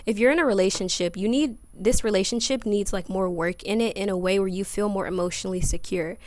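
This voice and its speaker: A woman gives a casual tarot reading to camera outdoors. She talks in a chatty, familiar way and calls her viewers y'all and baby. Her voice sits at an ordinary pitch for a woman. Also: a little fast, darkish tone, no echo. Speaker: tarot reader. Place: outdoors by a grassy yard.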